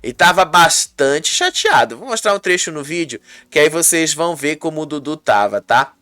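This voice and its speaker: An entertainment journalist from Brazil recapping reality show drama in a chatty way, acting out the quotes and tagging lines with quick asides. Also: mid-range voice, sing-song, bright, forceful tone, no echo, clean studio sound, soft background music. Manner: retells dialogue, acting out the quotes; conversational, tags lines with "tá?".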